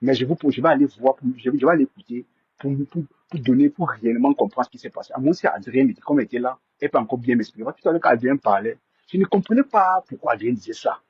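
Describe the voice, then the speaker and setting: A man's voice: medium pitch, animated, fast talker, husky, dry recording, dull audio. A man hosting a live stream, stammering and repeating himself as he defends himself to viewers. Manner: indignant, defensive.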